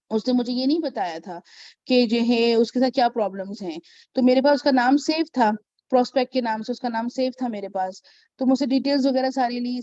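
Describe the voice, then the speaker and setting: A woman's voice: fairly high pitch, mellow, no echo. A woman mentoring on network marketing in a casual advice vlog, telling stories in a chatty way, checking in with her listener and acting out the people she talks about. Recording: dull, lo-fi sound.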